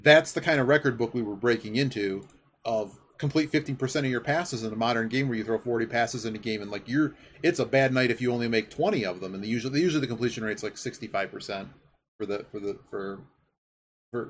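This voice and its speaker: Talking quickly in a mid-range voice, a podcast host rambles through an enthusiastic, casual chat about sports. Noticeable background noise runs through the clip.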